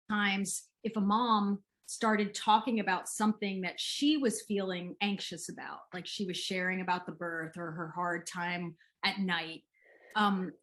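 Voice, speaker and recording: A middle-aged woman, a parenting expert being interviewed, speaks in a gentle, soothing and unhurried way. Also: mid-range voice. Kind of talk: interview conversation.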